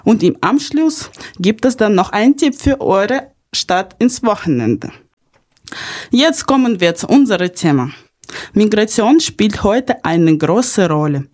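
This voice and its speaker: A woman's voice: lowish voice, darkish tone. A young woman from Ukraine, hosting a podcast in an earnest, partly read style with small grammar slips. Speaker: podcast host.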